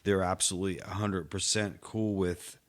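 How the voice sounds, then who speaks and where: Low-voiced man, heartfelt and filler-heavy. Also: steady tone, moderate pace. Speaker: podcast co-host. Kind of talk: casual chat.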